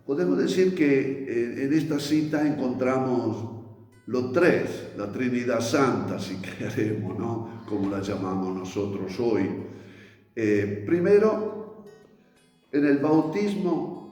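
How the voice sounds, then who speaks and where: A man slowly teaching a Bible lesson in a reflective way, with many restarts and pauses. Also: medium pitch, expressive, a little mellow. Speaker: priest teaching a Bible study. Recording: echoey hall with faint music.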